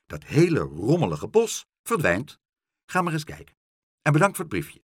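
A man's voice: on the high side, huge pitch swings, moderate pace, husky, dry recording, studio quality, pitched above the performer's own voice, exaggerated voice. A man voicing a cheerful, talkative woman in a storybook reading, rattling on eagerly. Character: cheerful chatty woman, loud and bubbly.

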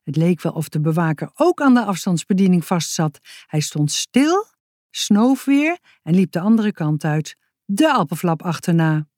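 A woman reading a children's book aloud in a calm, measured narrating voice. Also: on the low side, no echo, clean studio sound.

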